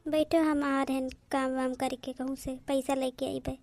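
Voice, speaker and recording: A woman's voice: high voice, little pitch movement, normal speed, a little mellow, no echo. A woman voicing an earnest, hardworking elder daughter-in-law and protective mother with an Awadhi accent. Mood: resolute.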